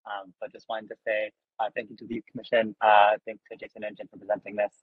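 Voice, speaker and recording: A man's voice: lowish voice, monotone, fast talker, breathy edge, dry recording. A man calling into a meeting over a clipped phone line from his car, speaking hesitantly and apologetically with lots of fillers. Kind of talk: casual meeting remarks. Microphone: phone call-in.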